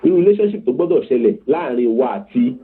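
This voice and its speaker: A man's voice: mid-range voice, expressive, rapid-fire, soft background music. A man with a Yoruba accent gives an earnest teaching talk as a guest on parenting. He tells anecdotes and often checks that his listener is following. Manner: earnest, instructive, often asks the listener to confirm. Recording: phone-like narrow line.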